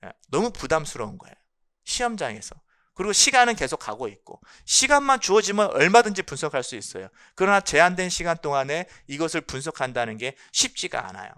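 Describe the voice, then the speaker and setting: A middle-aged male lecturer with a bright, forceful voice and a lively, animated pitch. He explains exam material, asking rhetorical questions and then answering them. His speech is crisp and clean, and it slips English terms into the explanation. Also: fast. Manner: mixes English terms into Korean.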